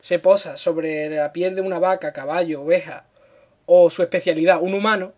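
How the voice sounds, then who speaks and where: High-voiced Spanish man, joking co-host. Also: fairly even intonation, moderate pace, darkish tone. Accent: Spain Spanish. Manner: joking, explains with repeated "¿vale?". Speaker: podcast co-host. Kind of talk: casual banter. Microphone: one microphone shared with co-host.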